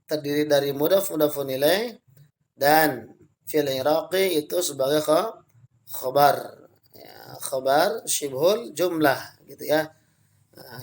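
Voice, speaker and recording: An Indonesian man with a fairly high voice teaches an online Arabic grammar class, patiently explaining each step and calling on students by name. The recording is rough.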